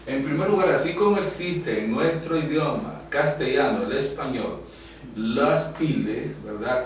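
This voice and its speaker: A man teaching a class, explaining slowly with frequent pauses and fillers at a whiteboard. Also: mid-range voice. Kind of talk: classroom lecture. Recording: echoey room from far off, faint hum.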